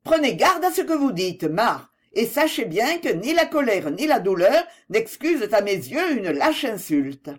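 A reader voicing a dignified young woman in an audiobook, speaking in a higher, earnest, pleading tone. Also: very animated, a little slow, hardly any pauses. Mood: indignant. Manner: pleading, low and effortful. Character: dignified young woman, frightened but proud. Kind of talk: audiobook dialogue reading.

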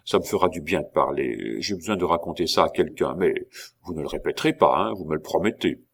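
A man voicing an irritable army commandant, talking in a gruff, loud, exasperated way in a read-aloud novel. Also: a bass voice, animated, brisk, full character voice. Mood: agitated. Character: irritable middle-aged army commandant, gambler.

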